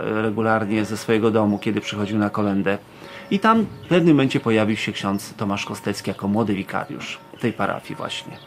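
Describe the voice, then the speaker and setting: A man's voice: mid-range voice, a little hiss or hum. A man as a guest recounting a story in casual speech, rambling with fillers and restarts. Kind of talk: casual spoken recollection.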